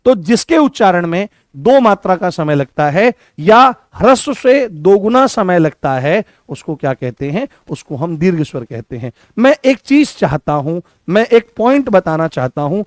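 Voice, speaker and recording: A man with a high, lively voice teaching an exam-prep class and drilling each point over and over. He keeps firing questions at his students and calls them by a fond nickname. The recording is dry and close. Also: no echo. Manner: addresses students affectionately as "babu"; stretches vowel sounds slowly to demonstrate. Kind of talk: exam coaching lesson.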